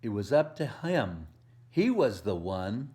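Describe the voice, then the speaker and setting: Slow and warm, with a fairly low pitch and big pitch swings, a volunteer storyteller reads a picture book aloud for preschoolers. He highlights the rhymes and works in simple asides and questions for the children.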